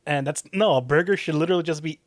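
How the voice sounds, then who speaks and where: Young dude on a podcast, dry close mic, laid back, lots of um and restarts. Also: male voice, on the high side, racing, no echo. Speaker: podcast co-host. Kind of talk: casual chat.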